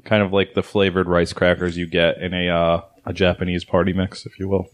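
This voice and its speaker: A man's voice: sits low, level tone, fairly quick. A man hosting a casual snack review, rambling and laughing between swears. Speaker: host.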